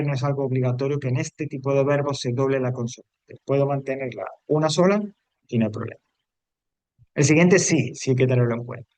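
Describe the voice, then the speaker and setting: A male English teacher with a medium-pitched, darkish voice gives a classroom grammar lesson, recorded dry and close with no room sound. He is patient and repetitive, explaining step by step, restating rules and checking in with "¿vale?".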